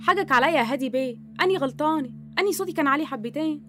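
An actress playing an eager, fawning housemaid. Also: female voice, sits high, lively intonation, fairly bright tone. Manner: fawning, talkative, very quick. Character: eager, chatty female housemaid.

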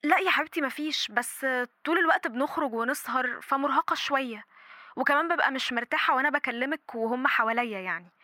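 A bright, evasive young Egyptian woman. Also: sits high, dry recording, studio quality. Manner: evasive, hurried.

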